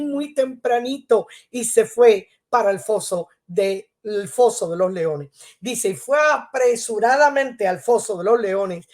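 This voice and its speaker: Woman pastor, sermon, fairly high voice, tag questions, emphatic exclamations. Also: a little mellow. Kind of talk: sermon with Bible reading. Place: TV studio.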